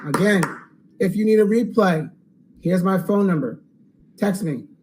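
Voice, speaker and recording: Hoarse, high-voiced salesy man. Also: lively intonation, measured pace, darkish tone, low-quality recording. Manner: upbeat, salesy, repeats "okay?" often. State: losing his voice. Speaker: online course host. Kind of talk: live webinar Q&A.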